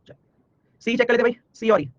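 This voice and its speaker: A man teaching a live online reasoning class, talking fast and teasing and scolding his students by name. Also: extremely high pitch, dry recording, muffled recording. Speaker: online exam-prep teacher.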